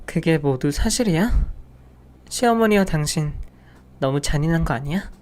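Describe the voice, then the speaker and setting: A man's voice: fairly high pitch, animated, moderate pace, darkish tone, close to an everyday voice. A man voicing a betrayed wife who pleads and protests, read for a story radio segment. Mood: shocked. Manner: pleading, indignant. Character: hurt betrayed wife, pleading then shocked.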